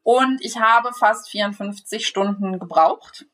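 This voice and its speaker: A woman's voice: medium pitch, measured pace, a bit bright. A woman author in casual podcast chat, talking loosely with many restarts and laughs, swearing casually.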